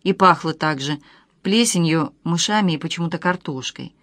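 An audiobook reader narrating a novel in a steady, even storytelling voice. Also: medium pitch, normal speed, no echo.

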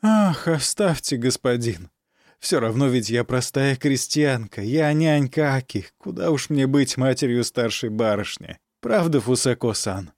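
A man voicing a sly, fawning peasant woman who speaks in a wheedling, drawn-out, falsely humble way in an audiobook. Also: mid-range voice, lively intonation, a little mellow, dry recording, studio quality. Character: fawning, sly young peasant woman, nanny turned concubine.

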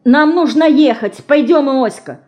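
A woman's voice: sits high, unhurried, darkish tone, voice pushed up. A woman voicing a stubborn, insistent young girl in an audiobook. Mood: alarmed. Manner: insistent, pleading.

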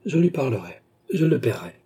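A man reading an audiobook, voicing a stern and ceremonious young nobleman in a solemn, measured way. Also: mid-range voice, big pitch swings, mellow, breathy edge, voice pushed up, heavily acted. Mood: grave.

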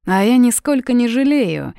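A woman's voice: fairly low pitch, measured pace, a little mellow, no echo, studio quality. A woman voicing a proud young male villain prince who taunts his brother, in a storybook reading. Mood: bitter. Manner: smug and taunting.

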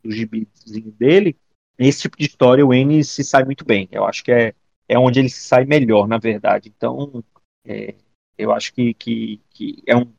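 A man's voice: medium pitch, gravelly, darkish tone, dry recording. Brazilian man hosting, dry and slightly muffled. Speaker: podcast host. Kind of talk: casual chat. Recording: dry but slightly dull audio.

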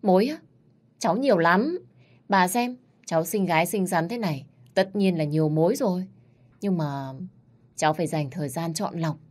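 A woman's voice: fairly low pitch, normal speed, darkish tone, natural voice. A woman voicing a cheeky young woman of twenty-two, playful and wheedling with her grandmother.

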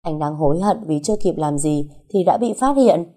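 A jealous young wife with a sharp tongue, voiced by a woman reading a storybook. She teases and scolds in a low, husky, mellow voice. Her jabs come quick and pointed. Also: lively intonation. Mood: teasing. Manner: teasing, scolding.

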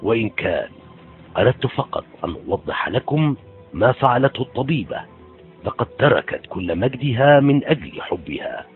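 A man's voice: medium pitch, sing-song, moderate pace, pitched above the performer's own voice, lightly acted. A man reading a novel aloud, voicing an earnest young man who loyally defends his friend. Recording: tinny phone-like sound, faint music.

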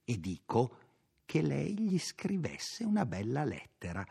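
A man's voice: mid-range voice, wildly swooping pitch, slow, vocal fry, mellow, husky, pitched above the performer's own voice, heavily acted. A man doing a scolding, bossy housekeeper. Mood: lecturing. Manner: insistent, scolding, wheedling. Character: sharp-tongued middle-aged female housekeeper, bossy. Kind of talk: audiobook character voice.

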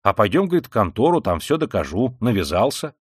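A man reading the part of a puzzled workman in an audiobook, telling it in rough, chatty common speech. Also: lowish voice, sing-song, fast talker, no echo, studio quality. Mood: grumbling. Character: plain-spoken male workman, puzzled and grumbling.

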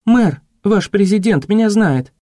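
A man's voice: sits high, lively intonation, measured pace, dark tone, dry recording, studio quality. A man voicing a determined teenage girl in an audiobook, speaking firmly and urgently. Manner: firm, urgent. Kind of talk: audiobook reading.

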